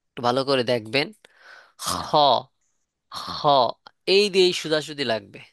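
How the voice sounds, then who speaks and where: A man's voice: fairly high pitch, fairly bright tone, smooth, no room sound, studio quality. A man teaching Quran letter pronunciation in a live online class, repeating questions and asking students to respond.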